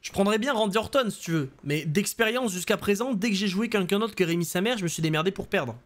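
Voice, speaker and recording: Excitable joking male game streamer. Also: high-pitched, quick pace. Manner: excitable, joking, swears casually. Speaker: gaming streamer. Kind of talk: casual live gameplay commentary. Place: home streaming setup.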